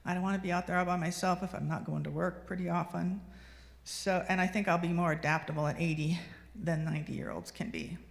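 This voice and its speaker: Gravelly older woman in a reverberant hall. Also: on the low side. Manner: conversational storytelling with frequent ums and restarts. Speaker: lay speaker at a congregation. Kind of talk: personal reflection talk. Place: fellowship meeting hall. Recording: long hall reverb on a livestream.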